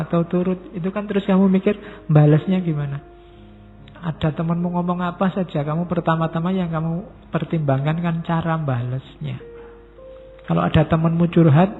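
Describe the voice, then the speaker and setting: Gravelly lecturer in a hall. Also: male voice, on the high side. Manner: relaxed, conversational, acts out example messages. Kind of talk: philosophy lecture. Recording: thin phone-like sound in a reverberant hall.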